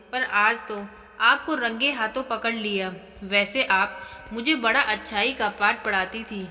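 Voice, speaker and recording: A woman's voice: a little high, bright, forceful tone. Lady doing a snippy suspicious daughter-in-law, sarcastic, echoey. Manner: accusing, sarcastic. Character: sharp-tongued young woman, suspicious daughter-in-law.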